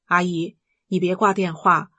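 A woman's voice: lowish voice, fairly even intonation, measured pace, sharp tone, husky, dry recording, heavily acted. A woman reading as a desperate middle-aged man pleading. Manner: pleading, emotional. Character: desperate middle-aged male businessman on the phone.

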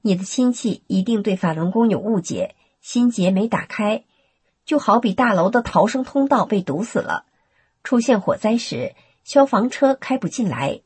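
A woman's voice: mid-range voice, expressive, moderate pace, darkish tone, husky, dry recording. A woman voicing a grateful, recovered young mother in a plain, earnest way within a narrated story.

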